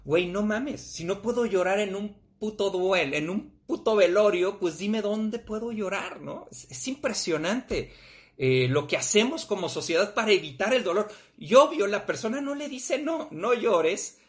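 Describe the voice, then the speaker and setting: Animated, profane Mexican man. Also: high voice, moderate pace. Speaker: podcast host. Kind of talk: casual talk on grief.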